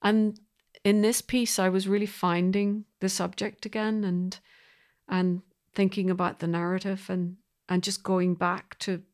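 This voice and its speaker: In a reflective interview, a female guest with a mid-range voice and somewhat dark tone talks thoughtfully about being a composer, her sentences loose and unfolding.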